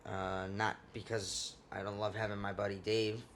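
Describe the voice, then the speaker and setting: A man's voice: lowish voice, flat delivery, moderate pace, a bit bright, slight background noise. A man hosting a casual podcast, talking loosely and joking, swearing now and then. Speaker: podcast host.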